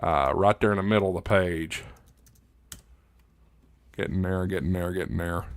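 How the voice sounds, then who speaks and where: In a recording with no room sound, a low-voiced American man hosts a livestream at a moderate pace. He banters casually with his audience, going through their comments with folksy, informal humor.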